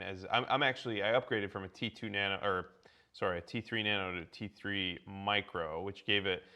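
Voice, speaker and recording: A man's voice: on the low side, sharp tone. A man walking viewers through a tech setup on a casual livestream, rambling with many restarts and filler words. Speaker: guest presenter.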